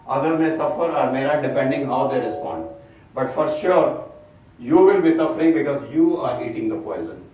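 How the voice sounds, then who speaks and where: Workshop facilitator, male, slightly higher voice, distant mic in a reverberant room. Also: darkish tone. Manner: asks the room questions, then explains. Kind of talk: interactive workshop talk. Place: large echoey room with a group. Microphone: far from the mic.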